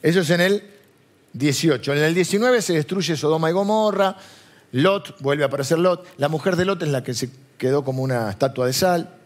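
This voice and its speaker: Man, Rioplatense accent, preacher, chatty sermon, asks the audience, raspy tone. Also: on the high side, fairly quick. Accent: Rioplatense Spanish. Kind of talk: conversational sermon.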